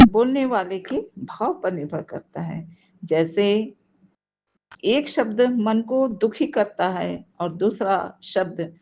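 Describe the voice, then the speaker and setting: A woman speaking at a devotional gathering, measured and reflective, explaining her point through examples. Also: medium pitch, vocal fry, a little mellow. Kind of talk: devotional talk. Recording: dull lo-fi recording.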